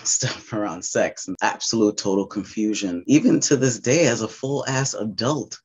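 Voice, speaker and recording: A man's voice: fairly low pitch, husky, low-quality recording. A man in his fifties giving candid, emotional personal testimony in an interview, speaking openly and swearing freely. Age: 50s. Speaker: interviewee, abuse survivor.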